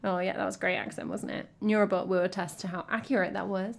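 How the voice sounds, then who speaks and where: A woman's voice: mid-range voice, flat delivery, fast, creaky. An English woman, a singer-songwriter, chatting casually with her stream audience between songs in a playful, self-mocking way. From England. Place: at home. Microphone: headphones with cable.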